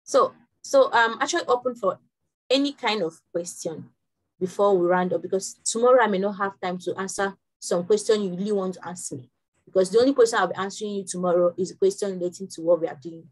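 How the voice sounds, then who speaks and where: Young woman from nigeria running an online class, fast, lots of restarts, call audio. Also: mid-range voice, rough recording. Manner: quick, with frequent restarts. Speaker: workshop instructor. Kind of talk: online workshop teaching. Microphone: video call.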